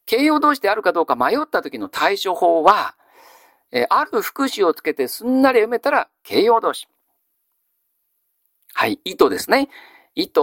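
A male teacher giving a grammar lesson. He asks a question, then answers it himself in a measured way. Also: high-pitched, a bit bright, no room sound, clean studio sound. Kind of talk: classical Japanese grammar lesson.

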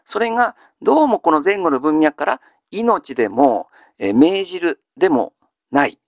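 Man, teacher, grammar lesson, quizzing then answering, long fillers, animated pitch, dry recording. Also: no room sound. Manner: steady lecturing with many drawn-out fillers. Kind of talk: classical Chinese grammar lesson.

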